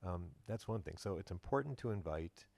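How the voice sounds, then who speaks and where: A man on an education panel speaking earnestly about teaching, halting and repeating as he thinks. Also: sits low, lively intonation, gravelly, a little mellow, no room sound. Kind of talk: conference panel talk.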